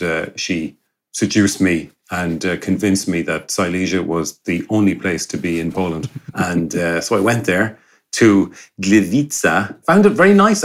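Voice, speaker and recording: A man with a west of Ireland accent chatting casually in a relaxed, wry, joking way. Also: deep voice. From Galway, west of Ireland. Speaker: podcast co-host. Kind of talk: casual chat.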